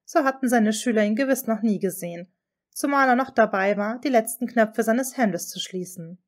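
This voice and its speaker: A woman narrating fan fiction aloud as an audiobook, in a steady, even reading manner. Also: a little high, normal speed. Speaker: reader.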